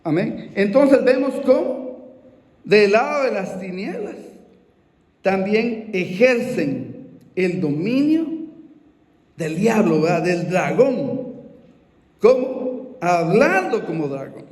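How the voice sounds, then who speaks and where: Slow, high-pitched male preacher in an echoey hall. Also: big pitch swings, darkish tone. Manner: unhurried, repeats phrases and calls out to the brothers. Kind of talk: sermon.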